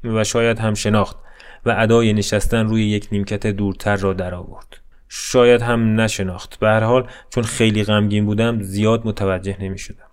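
A man narrating a scripted story in a calm, melancholy, deadpan way. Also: fairly low pitch, smooth. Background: faint music.

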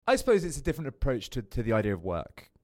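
A man's voice: medium pitch, wildly swooping pitch, fast talker, no room sound, studio quality. A young man talking casually as a podcast guest, rambling with lots of fillers and restarts. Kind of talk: casual interview chat.

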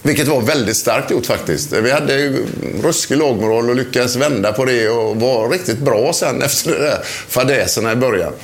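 Speaking in a mid-range voice with few pauses, an older man who once played football spins a chatty anecdote about an old game, and he laughs frequently throughout.

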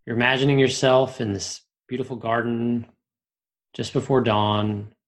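A man leading a guided meditation in a soothing voice, speaking slowly with long pauses. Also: medium pitch, fairly even intonation.

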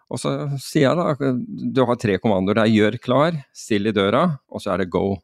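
A man from Norway casually telling a story on a podcast, animated, with many restarts and fillers. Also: fairly low pitch, creaky, dry recording, studio quality.

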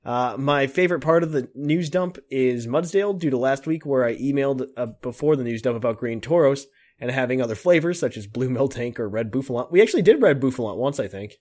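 A man's voice: medium pitch, lively intonation, brisk, few pauses, darkish tone. A man co-hosting a podcast, reading a listener's email aloud in a casual tone. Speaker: podcast co-host.

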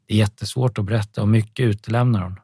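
A man narrating a story calmly and evenly, with soft music behind him. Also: lowish voice, husky, no room sound, clean studio sound. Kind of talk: scripted audiobook narration.

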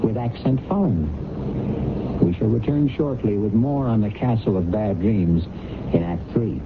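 A male actor playing an ominous horror host, narrating theatrically and portentously for radio. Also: lowish voice. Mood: brooding, ominous. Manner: portentous, deliberate. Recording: very noisy muffled radio broadcast.

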